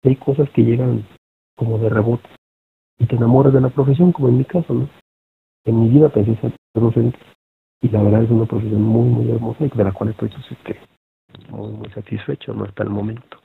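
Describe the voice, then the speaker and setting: Husky Mexican teacher on a thin line. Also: male voice, mid-range voice, fairly even intonation, fairly quick. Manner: conversational, fillers and tag questions. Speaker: teacher presenting an online session. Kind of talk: lecture to fellow teachers. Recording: phone-like thin audio.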